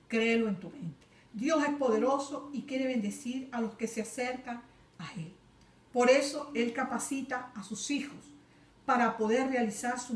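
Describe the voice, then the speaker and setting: A woman preaching a fervent sermon, rising at times to loud cries. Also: fairly high pitch. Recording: echoey room, voice far from mic.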